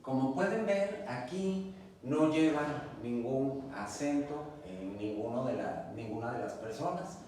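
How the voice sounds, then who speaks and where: A man's voice: mid-range voice, lively intonation, a little slow, darkish tone. A man teaching a grammar lesson at a classroom board, patiently spelling out each verb form step by step. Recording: echoey room, distant mic, faint noise.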